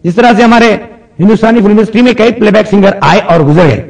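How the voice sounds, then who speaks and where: A man's voice: sits high, fast talker, recorded from a distance. A male comedian telling jokes in a chatty stand-up storytelling manner.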